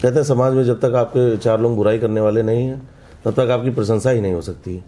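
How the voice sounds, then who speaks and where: A man's voice: mid-range voice, fairly even intonation, fairly quick, warm tone, a little hiss or hum. A man hosting a podcast interview, giving short agreements and asking earnest questions that switch between Hindi and English. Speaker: podcast host.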